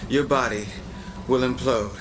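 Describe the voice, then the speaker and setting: An actor playing a world-weary prison inmate who narrates in a blunt, sardonic, profane way. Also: male voice, mid-range voice, fairly even intonation, measured pace, natural voice. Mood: boastful. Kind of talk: scripted TV drama monologue. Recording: audible background noise.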